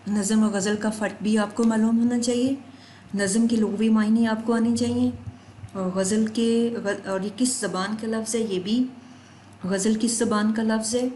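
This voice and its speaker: A young woman is teaching a class, explaining patiently and spelling each word out slowly. Her voice carries a clear room echo, and a faint background noise sits under it. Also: fairly high pitch, steady tone, warm tone. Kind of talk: Urdu lesson to students.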